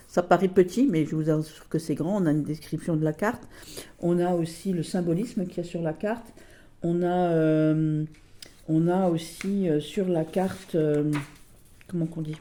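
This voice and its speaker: Low, very dark-voiced chatty woman. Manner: chatty, fills pauses with repeated "voilà" and "euh"; gushing and enthusiastic about her items. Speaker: tarot collector and video creator. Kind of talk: casual show-and-tell vlog.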